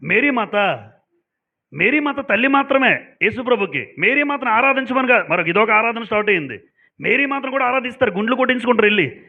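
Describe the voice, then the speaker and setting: A man's voice: extremely high pitch, lively intonation, fast, gravelly. A man preaching a sermon to a congregation, emphatic and asking them pointed questions. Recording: dull lo-fi sound.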